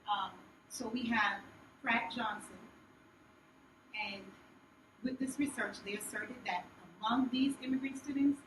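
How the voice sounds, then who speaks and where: A woman born in Jamaica and raised in New York gives an earnest research presentation to a room, with frequent ums and soft, trailing phrase endings. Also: mid-range voice. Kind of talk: conference presentation. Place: conference room. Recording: echoey room, distant mic, background noise.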